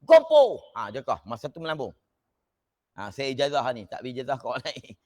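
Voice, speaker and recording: A man, a religious teacher telling an anecdote in an online class in an animated way, his voice jumping up when he gets excited. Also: medium pitch, quick pace.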